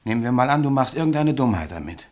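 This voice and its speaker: In a German radio play, an actor portrays a wary man reluctantly selling a revolver, probing and needling him with deliberate questions in a wary, insistent mood. His mid-range male voice sounds natural and swings widely in pitch.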